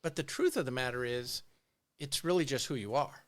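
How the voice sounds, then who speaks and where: A man's voice: medium pitch, fairly quick. A man hosting a podcast interview, friendly and affirming, laughing along with his guest. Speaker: podcast host. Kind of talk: casual interview chat.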